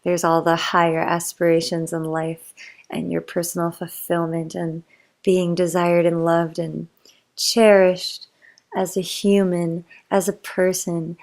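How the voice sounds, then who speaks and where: Low gravelly-voiced woman rambling softly. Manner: meandering, motivational, chatty with fillers. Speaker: bedtime talk creator. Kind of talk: rambling sleep-aid monologue.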